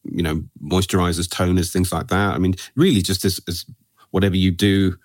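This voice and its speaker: Podcast host guy, really deep voice, friendly rambling questions, dry close sound. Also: fairly even intonation, a little fast, dry recording. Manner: friendly, hesitant questions with fillers. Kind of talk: casual podcast interview.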